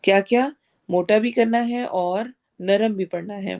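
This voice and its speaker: A woman's voice: medium pitch, darkish tone. A woman teaching recitation in an online class, in a firm, corrective teacher's tone. She breaks each phrase into syllables and explains every rule in turn, carefully and methodically.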